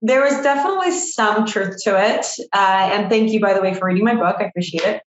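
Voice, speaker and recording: A woman's voice: mid-range voice, quick pace, reverberant, muffled recording. A woman in her forties, originally from Russia, with Russian as her first language, telling her story as a guest in a casual interview with a chatty, self-deprecating manner. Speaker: guest, PR agency owner.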